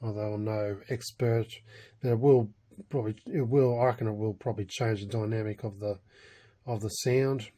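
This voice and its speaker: His lowish, mellow voice holds a fairly even intonation and a moderate pace. The man, an Australian-accented hobbyist vlogger, meanders hesitantly through an unscripted, casual show-and-tell, often leaving thoughts unfinished.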